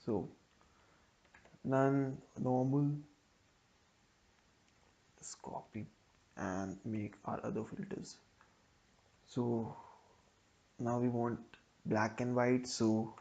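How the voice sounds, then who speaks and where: A man walks through code at an unhurried pace, his low voice gravelly with fry. He thinks aloud as he types, stopping on fillers between steps. The sound is dull and lo-fi, like a cheap home mic. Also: darkish tone. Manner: slow, thinking aloud while typing code. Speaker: coding tutorial host. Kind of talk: screencast coding tutorial.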